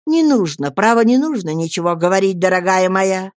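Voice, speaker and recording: A woman voicing a kind, soft-spoken elderly doctor who soothes his young wife in an audiobook. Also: medium pitch, normal speed, no echo, clean studio sound, lightly acted. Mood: gentle. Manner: gentle, soothing.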